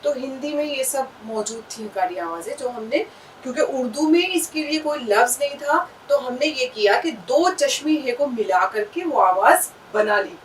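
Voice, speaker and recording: A woman with a high voice gives an Urdu lesson, patiently sounding out letters and words. She draws out each sound and checks in with her listeners. She sounds a little distant from the microphone. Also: animated, moderate pace, a little hiss or hum. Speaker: Urdu teacher. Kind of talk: language lesson.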